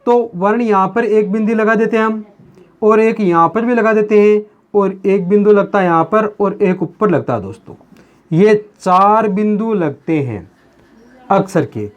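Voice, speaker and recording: A man teaching a grammar lesson on video. He talks slowly and repeats himself, calls the viewers his friends, and asks questions that he then answers himself. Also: high-pitched, muffled recording. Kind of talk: video lesson explaining at a board.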